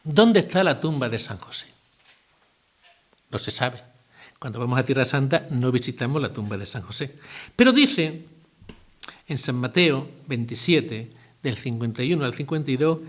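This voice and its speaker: A man, giving a relaxed retreat talk as a priest, asking his listeners questions and adding asides. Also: mid-range voice, a little slow, long pauses. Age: 50s. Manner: conversational, asks listeners rhetorical questions, adds asides and jokes.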